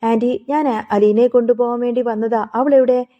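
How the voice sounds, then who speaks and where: A woman's voice: a little high, fairly even intonation, moderate pace, natural voice. A woman voicing a sly young man who teases his aunt. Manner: teasing, sly. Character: young man, mocking nephew playing a trick. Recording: phone-like narrow sound.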